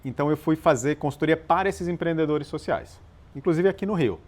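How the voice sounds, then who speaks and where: A man born in Chile, an interview guest and nonprofit founder, telling his story in a measured, explanatory way with some hesitations. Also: a little high, darkish tone. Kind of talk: relaxed conversational storytelling.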